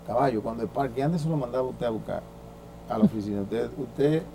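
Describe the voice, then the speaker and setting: Warm Dominican man telling stories. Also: medium pitch, fast talker, slight background noise. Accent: Dominican Spanish. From Dominican Republic. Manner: lively storyteller who acts out quoted dialogue, with frequent restarts. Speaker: former baseball pitcher, interview guest. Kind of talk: anecdotal storytelling in an interview.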